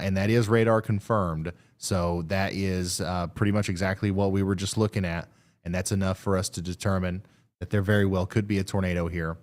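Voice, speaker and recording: A man hosting a live severe weather stream, talking through radar updates in a halting, thinking-aloud way. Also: sits low.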